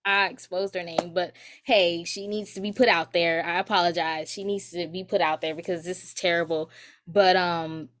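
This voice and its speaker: A woman's voice: lowish voice, steady tone, normal speed, fairly bright tone. A woman student giving earnest personal testimony at a community forum, with many fillers and restarts.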